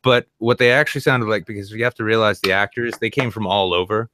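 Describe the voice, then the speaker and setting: A man's voice: fairly low pitch, steady tone, fast talker, noisy background. A man chatting casually on a stream, rambling and swearing, restarting his sentences often. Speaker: guest voice actor.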